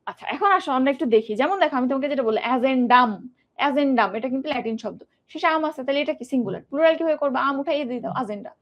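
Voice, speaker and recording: A woman's voice: high-pitched, racing, highs cut off. A young woman teaching an exam-prep grammar lesson, asking the students questions and repeating words in drills.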